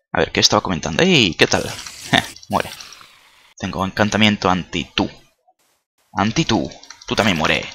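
Speaking in a low-ish, bright, forceful voice, a gaming creator keeps up chatty let's-play commentary full of jokes, swearing, and sudden startled shouts. He isn't a native Spanish speaker. A little hiss or hum is audible.

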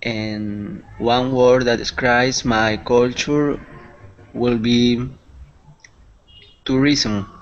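A man from Peru speaking slow, careful English. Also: medium pitch, steady tone. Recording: muffled call audio.

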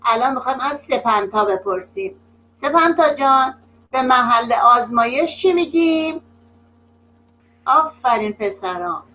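A woman teacher leading an online class for young children, slow and patient, drawing words out and praising often, heard over a video call. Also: on the high side, expressive, sharp tone, slight background noise, low-quality recording. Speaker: primary school teacher.

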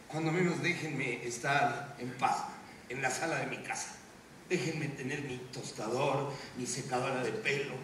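A man's voice: very high-pitched, sharp tone, a little hiss or hum, exaggerated voice. A raging veteran newsman. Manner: impassioned ranting monologue, exhorting the audience. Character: veteran male TV news anchor, furious ranting prophet. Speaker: stage actor. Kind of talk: live stage drama. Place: large theater stage, live performance. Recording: echoey theater from far off.

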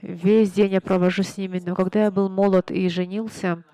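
A man preaching a sermon, telling stories in an earnest, halting way with frequent restarts. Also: high-pitched, little pitch movement, mellow, clear, resonant tone, dry recording. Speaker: pastor. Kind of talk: sermon storytelling.

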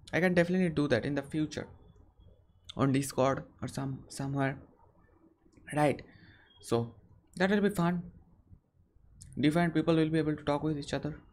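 An English-learning channel host, a young Indian man, fields viewer questions on a live stream in a small room, recorded through his webcam. His somewhat high voice comes across as earnest and halting, with frequent restarts, over a faint hiss or hum.

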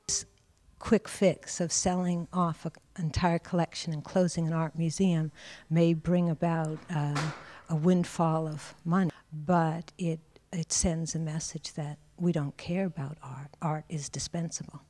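An older woman artist gives a concerned interview comment into a handheld mic. Her voice is low, mellow and dark. She talks flatly and deliberately. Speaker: local artist.

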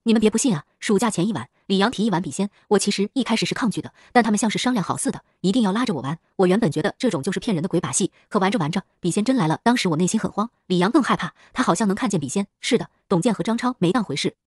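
A woman narrating a horror story in a rapid, dramatic storytelling manner, close to the mic. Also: medium pitch, animated, a little mellow, slightly rough, dry recording. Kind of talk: fast scripted story narration.

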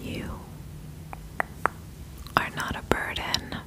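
Very slow whispered pep talk from a woman. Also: low-quality recording. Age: 20s. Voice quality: breathy unvoiced whisper. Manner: soothing, slow, repeating short reassurances. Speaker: ASMR host. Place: indoor room at home.

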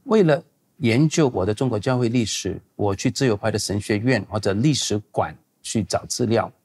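A man's voice: on the low side, expressive, moderate pace, a little mellow, husky. An older man, a pastor and seminary teacher, answering audience questions in a loose, digressive, emphatic way.

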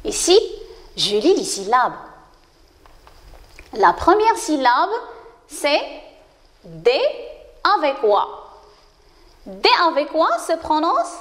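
Slow, encouraging woman teacher. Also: high voice, big pitch swings, in a large hall. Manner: slow, clear, encouraging, praising pupils often. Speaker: primary school teacher. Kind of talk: reading lesson for young children.

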